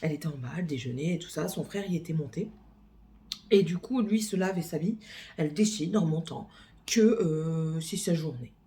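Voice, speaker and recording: A mother chatting casually in a home vlog, rambling and hesitant, with lots of pauses as she talks. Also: deep voice, dark tone.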